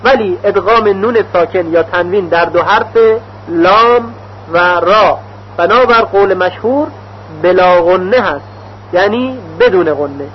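A man teaching Quran recitation rules, explaining slowly and carefully and sounding out example syllables in a deliberate, drawn-out way. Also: high voice. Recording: dull lo-fi recording with faint hum.

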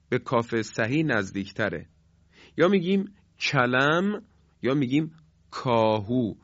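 A man giving a formal, polite pronunciation lesson on Quran recitation, repeating sounds slowly to demonstrate them. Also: mid-range voice, no echo. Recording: slightly dull lo-fi sound.

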